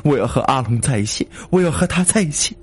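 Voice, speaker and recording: A man's voice: animated, quick pace, breathy edge, soft background music. A man voicing a young woman who is stubbornly in love, pleading in a raised, urgent storybook voice. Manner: pleading, pitched high and urgent.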